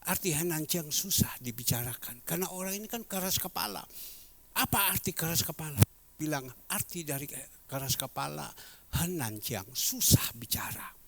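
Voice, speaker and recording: Gravelly older male preacher, swinging loud and soft. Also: expressive, normal speed, slight background noise. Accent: Indonesian, with Mandarin words. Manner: swings from loud high exclamations to low quiet storytelling. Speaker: pastor. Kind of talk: sermon. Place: church hall.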